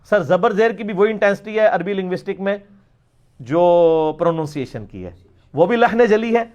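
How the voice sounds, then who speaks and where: Middle-aged guy, high voice, lecturing hard and spelling out pronunciations. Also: animated, darkish tone, muffled recording. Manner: emphatic, repeats words to demonstrate pronunciation. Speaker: religious lecturer. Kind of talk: question-and-answer lecture.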